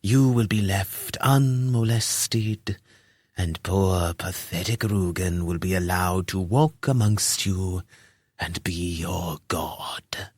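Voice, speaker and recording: A man voicing a short, robed, fanatical priest who speaks with a lisp in a hushed, whispery way. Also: low voice, takes it slowly, no echo, clean studio sound, exaggerated voice. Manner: hushed, whispery, distant delivery.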